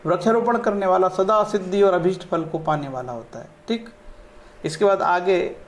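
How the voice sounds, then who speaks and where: A man with a notably high-pitched voice gives an informal spoken lesson from old texts. He talks in an easygoing, chatty way, mixing in English words and pausing to chant verses slowly. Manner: conversational, slips in English words, often says "ठीक है". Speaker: astrologer teaching from scriptures.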